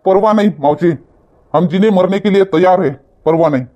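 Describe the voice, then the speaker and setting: A man's voice: high voice, brisk, dark tone, highs cut off, natural voice. A young man playing a lovestruck village youth who defiantly insists on marrying his girl, speaking with a Marathi accent in a comedy sketch. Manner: earnest and defiant.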